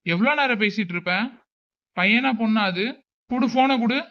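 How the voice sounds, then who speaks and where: A man's voice: high-pitched, normal speed, lightly acted. A man playing a strict protective older brother. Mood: scolding. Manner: scolding, raised voice. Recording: tinny phone-like recording.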